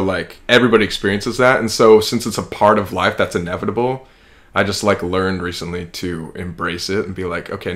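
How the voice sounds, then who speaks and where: A young American man in his early 20s from Kansas chats casually as a podcast co-host, his voice low-pitched but a bit bright. His talk is reflective, rambling and informal, packed with "like."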